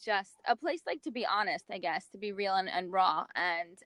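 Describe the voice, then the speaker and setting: A woman from the States, a magazine founder, talking casually as an interview guest and pausing often with fillers and restarts. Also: medium pitch, lively intonation, sharp tone, no echo. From United States. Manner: hesitant, many fillers and restarts.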